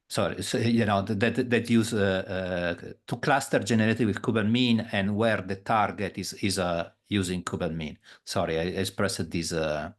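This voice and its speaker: A man on a video call, a project maintainer discussing a technical proposal with hesitant, self-correcting phrasing. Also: low-pitched. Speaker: project maintainer in an online meeting.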